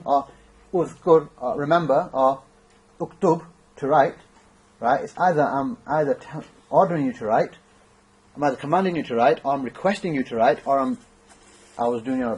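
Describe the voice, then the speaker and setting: A man's voice: fairly high pitch, darkish tone, slightly rough, rough recording. A man teaching an Arabic grammar class, thinking aloud and checking in with his students. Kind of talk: classroom lesson.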